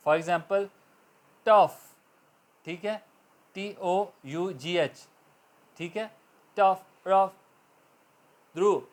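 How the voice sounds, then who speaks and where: Man, Pakistani accent, teacher, slow and measured delivery, spells out words, somewhat high voice. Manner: explains step by step, spells words letter by letter, often checks with "okay". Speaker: English teacher. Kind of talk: spoken lesson.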